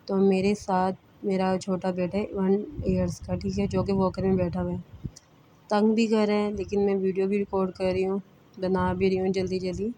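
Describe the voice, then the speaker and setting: A woman's voice: medium pitch, background noise. A woman hosting a home cooking vlog from her kitchen, explaining each step in a chatty way, often checking in with her viewers and calling them sisters and brothers. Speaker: home cook and channel host.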